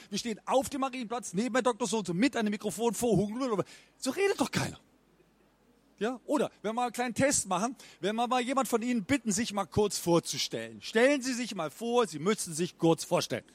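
A man giving a stage talk as a speech trainer, lively and mimicking bad speaking habits with exaggerated intonation. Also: high-pitched, no room sound. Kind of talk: stage talk at a book fair.

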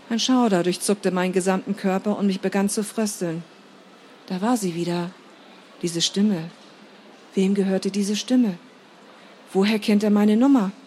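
A woman narrating a first-person story in a measured, steady reading voice. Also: medium pitch, a little hiss or hum.

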